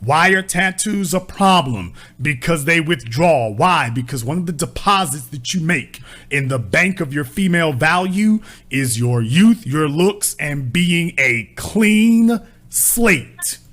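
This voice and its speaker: A man hosts a call-in relationship advice show and scolds his caller bluntly and crudely. His voice sits a little high, with a bright, forceful edge, and he talks in a lecturing tone.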